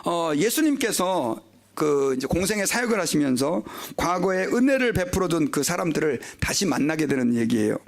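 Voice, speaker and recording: Pastor, man, sermon delivery, high gravelly voice, swings widely in pitch, directly addresses the congregation. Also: normal speed. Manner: animated storytelling preacher; leads the congregation in reading aloud.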